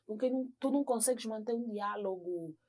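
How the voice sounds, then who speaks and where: A woman's voice: mid-range voice, a little fast, dark tone, dry recording. Frank young Angolan woman, dry sound. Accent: Angolan Portuguese. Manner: emphatic, frank, keeps checking in with the listener. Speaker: podcast co-host. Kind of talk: casual chat.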